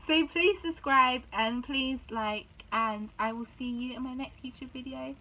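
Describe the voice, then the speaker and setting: A woman's voice: high-pitched, unhurried, sharp tone, a little hiss or hum, poor audio. A young woman telling a story to camera in indignant, chatty vlog talk, often restarting her sentences. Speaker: vlogger. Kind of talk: casual storytime chat.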